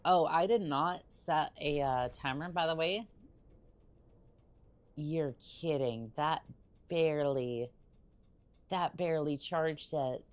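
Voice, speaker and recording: A woman with a low-sitting voice speaks slowly, leaving long pauses, while livestreaming a video game. She chats casually over the gameplay, teasing playfully, musing hesitantly aloud and dropping in-character asides.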